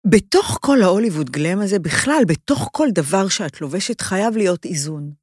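Female podcast host, Israeli accent, very lively intonation, theatrical and emphatic conversational style, dry studio-like sound. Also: on the low side, breathy edge, no echo. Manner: emphatic, theatrical, with repetitions and English phrases mixed in. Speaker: podcast host and fashion commentator. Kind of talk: casual chat and fashion commentary.

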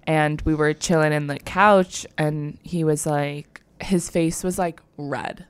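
A woman's voice: sits low, steady tone, takes it slowly, smooth. A woman in her twenties, a podcast co-host, telling a candid, rambling personal story in casual chat with lots of "like".

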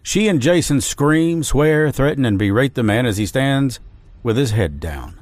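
A man's voice: mid-range voice, expressive, a little mellow, no room sound. A man hosting a podcast, reading a scripted true-crime narration and quoting sources. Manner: measured storytelling, reading quotes. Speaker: podcast host. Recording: dry studio voice with faint music.

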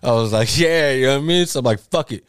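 A man telling a story in casual podcast chat, rapid, profane and full of slang. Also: medium pitch, clean tone, no echo, clean studio sound. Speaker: podcast co-host.

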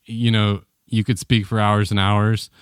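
A male podcast host with a low, smooth, resonant voice asks friendly, encouraging questions. The recording is dry and close, with no room sound. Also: little pitch movement, measured pace, no room sound. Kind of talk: interviewing.

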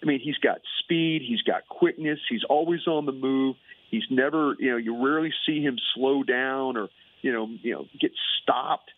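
Over a tinny phone line, a man calls in remotely as a guest analyst. His medium-pitched voice moves at a moderate pace with no echo, and he rambles casually, leaning on lots of fillers.

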